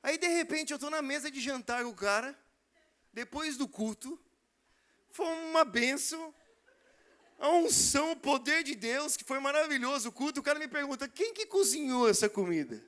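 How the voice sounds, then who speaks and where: A male preacher telling a story in a church, lively and slangy as he talks. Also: extremely high pitch, moderate pace.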